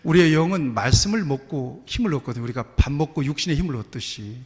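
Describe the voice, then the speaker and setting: A man's voice: fairly high pitch, lively intonation, fast. A man, a church pastor, preaching a sermon in a conversational way, asking the congregation questions and acting out short prayers. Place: church sanctuary. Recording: long hall reverb.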